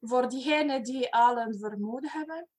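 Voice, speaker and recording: A woman in her thirties or forties from Romania with a Romanian accent, a facilitator talking as a guest in a casual online chat, lively and laughing, sometimes searching for words. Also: fairly high pitch, normal speed.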